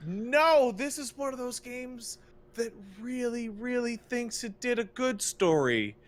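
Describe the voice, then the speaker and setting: A podcast co-host goes on a casual, opinionated rant, exasperated and emphatic, repeating phrases for effect and swearing freely. His voice is very high-pitched with lively intonation, delivered at a slow pace.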